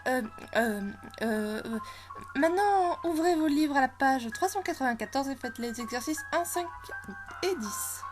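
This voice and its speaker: A stern, cruel schoolteacher, as a woman puts her on, speaking with a harsh, contemptuous edge in a fairly high voice. Game music plays steadily underneath. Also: expressive, a little slow. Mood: lecturing.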